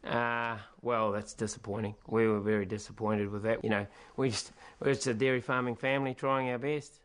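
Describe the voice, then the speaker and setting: A man with a New Zealand accent, a farmer answering informally and plainly, a little haltingly. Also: mid-range voice, level tone, clean tone. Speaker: dairy farmer being interviewed.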